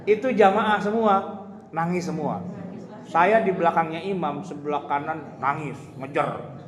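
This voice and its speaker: A man's voice: a little high, a little slow, crowd noise. A man giving an informal religious lecture, chatty and humorous, often laughing and addressing his audience directly. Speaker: Islamic preacher. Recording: echoey hall with loud ambient noise.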